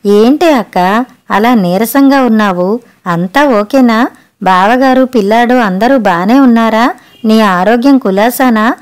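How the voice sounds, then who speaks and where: A woman's voice: a little high, measured pace, smooth, close to an everyday voice. A woman voicing a friendly young man visiting his older sister and asking after her. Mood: concerned. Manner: concerned, friendly. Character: caring young adult younger brother.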